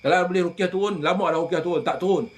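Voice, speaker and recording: Man, casual storytelling, animated, fairly high voice. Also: racing. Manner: animated storyteller, addresses listeners as tuan-tuan, often laughs. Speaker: religious healer telling stories.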